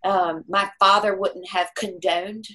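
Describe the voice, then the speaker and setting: A woman's voice: medium pitch, slow pace. A middle-aged woman telling a personal story in conversation, acting out the voices of the people she quotes. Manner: animated storyteller who acts out quoted voices.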